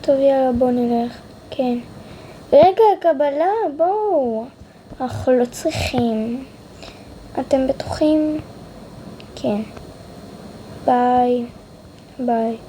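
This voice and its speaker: A woman playing a cashier in a playful comedy skit, bossy and quick. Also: high voice, warm tone. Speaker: video creator. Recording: noisy background hiss.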